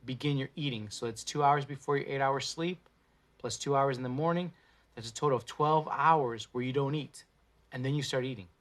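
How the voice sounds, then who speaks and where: A man hosting a casual livestream, talking in a profane, slangy and animated way into a phone. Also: medium pitch. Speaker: livestream host.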